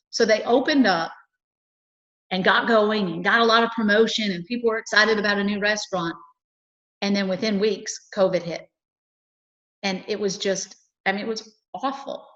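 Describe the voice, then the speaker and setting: A woman's voice: mid-range voice, a bit bright, highs cut off. A woman from a chamber of commerce, talking earnestly and cheerfully in a local cable TV interview, with lots of fillers and restarts.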